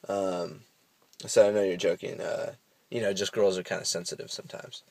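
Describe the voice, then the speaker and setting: A man's voice: sits low, steady tone, moderate pace, gravelly, a little mellow, a little hiss or hum. A young man giving a casual, rambling self-help monologue, full of fillers and swearing. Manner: rambling, profane, with many fillers. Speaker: vlogger.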